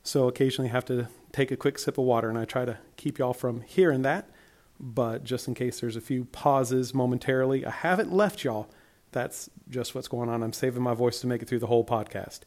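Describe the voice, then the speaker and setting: A man from Alabama with a Southern accent hosts a solo podcast, chatting in a friendly, rambling manner while sounding tired, his voice worn from a draining week. He talks a little fast in a medium-pitched, darkish, steady tone.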